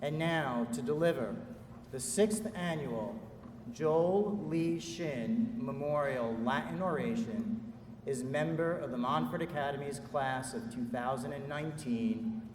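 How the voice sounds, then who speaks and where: A man delivering a formal commencement speech as a ceremony speaker, in a measured, solemn way with deliberate phrasing. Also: mid-range voice, a little mellow. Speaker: ceremony speaker introducing an orator. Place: large indoor hall at a school commencement. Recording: echoey hall, distant mic, faint noise.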